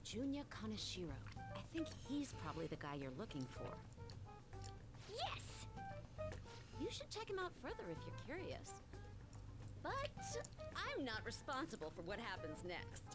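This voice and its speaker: An actress playing a chatty, sly, excitable woman journalist in a video game. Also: fairly high pitch, normal speed. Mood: excited, playful. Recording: loud music behind the voice. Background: loud game music.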